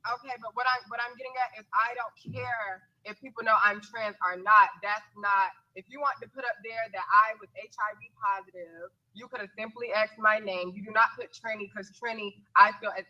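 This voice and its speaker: Young woman in her twenties, really bright high voice, insists on her point, muffled lo-fi sound. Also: steady tone, fairly quick, hardly any pauses. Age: 20s. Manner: insistent, stands her ground. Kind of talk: heated on-air argument.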